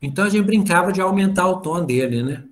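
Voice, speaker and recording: Fast-talking man giving a spiritual talk. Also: sits high, expressive. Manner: storytelling, acts out family dialogue. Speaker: lecturer at a spiritist study group. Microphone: video call.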